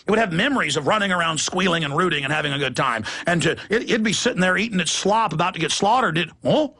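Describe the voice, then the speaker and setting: A man's voice: high-pitched, quick pace, bright, forceful tone, husky. A man hosting a talk show, ranting in an indignant, heated monologue and slipping into mocking voices. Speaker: radio host.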